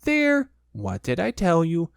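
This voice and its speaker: Kanga, a brisk fussing mother kangaroo, as a reader puts her on. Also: mid-range voice, wildly swooping pitch, gravelly, smooth, dry recording, clean studio sound, pitched above the performer's own voice, exaggerated voice. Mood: brisk, motherly. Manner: brisk, soothing, firmly motherly. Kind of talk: storybook reading.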